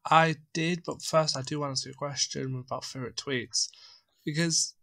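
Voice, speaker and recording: A man's voice: a little high, steady tone, normal speed, vocal fry, bright, forceful tone, dry recording. A man co-hosting a podcast, chatting casually with an eager, self-deprecating manner. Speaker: podcast co-host.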